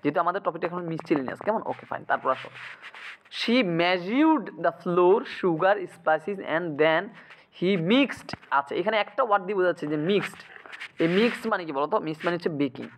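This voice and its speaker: Brief: male tutor, quick and high-pitched, drilling grammar rules over faint hiss. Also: lively intonation, poor audio. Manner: keeps checking students understand with quick asks. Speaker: English grammar teacher. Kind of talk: exam-prep lecture.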